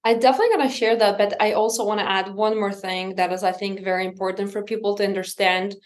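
A woman in her thirties from Lithuania, a company founder talking on a video call in an earnest, energetic way with non-native English grammar. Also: medium pitch, fast talker. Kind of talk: casual interview talk. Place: indoor room at home.

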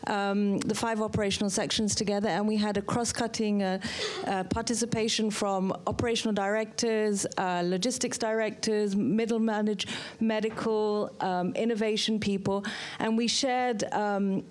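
A woman's voice: mid-range voice, fairly even intonation, moderate pace, few pauses, darkish tone. A woman commenting from the audience at a conference, with many fillers. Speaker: audience member. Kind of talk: comment from the floor. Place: conference hall.

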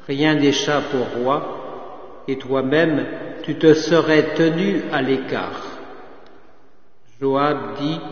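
Male liturgical reader, unhurried solemn delivery, long reverb in a church, muffled lo-fi capture. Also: fairly high pitch. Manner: measured, solemn, partly chanted. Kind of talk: slow liturgical scripture reading, partly chanted. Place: chapel or church. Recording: reverberant church, dull lo-fi sound.

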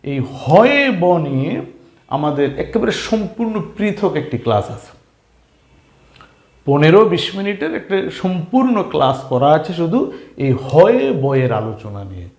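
A man teaches beginners to read, slowly drilling each letter and syllable and asking questions as he goes. His voice sits fairly high and swings up and down with animation. The recording carries a roomy echo. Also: sing-song, darkish tone. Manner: slow, patient, repeats and drills syllables, asks questions. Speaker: Bengali reading teacher. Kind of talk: spelling lesson for beginners.

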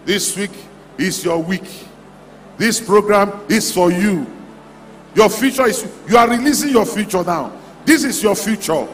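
In a large, reverberant convention hall, a high-voiced male preacher leads a charismatic prayer-and-declaration sermon. He exhorts the crowd with short, repeated declarations. The PA sound is echoey, with music running beneath.

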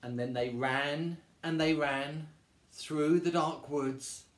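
Brief: man reading a children's picture book, unhurried and gentle, echo in the room. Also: on the high side. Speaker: storyteller. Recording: echoey room.

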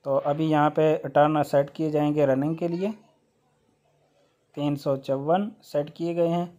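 Mellow man explaining a machine. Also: a little high. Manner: steady explaining, with hesitant "uh" pauses. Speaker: electrician channel host. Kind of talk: how-to machine demonstration.

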